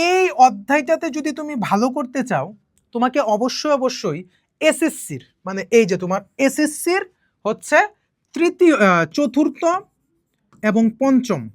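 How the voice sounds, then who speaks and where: Woman chemistry tutor, Bangladeshi Bengali accent, fairly high voice, dry recording, repetitive, keeps checking in with students. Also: no echo. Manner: speaks slowly and deliberately. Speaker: chemistry teacher. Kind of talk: online exam-prep lesson.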